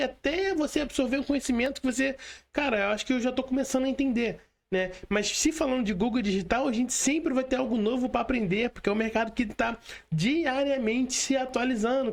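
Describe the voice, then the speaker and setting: Speaking a little fast at an extremely high pitch, this Brazilian-accented male podcaster keeps things casual and chatty. Tag questions and fillers fill his talk, with "cara" and "né" coming up often.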